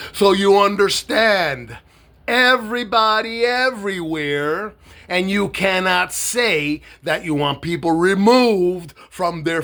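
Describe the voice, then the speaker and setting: A man from Miami giving a blunt, mocking, swear-heavy political rant to camera, loose and halting with fillers when he explains himself. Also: a little high, fairly bright tone. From Miami, Florida. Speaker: political satire vlogger. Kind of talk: profane political rant and monologue.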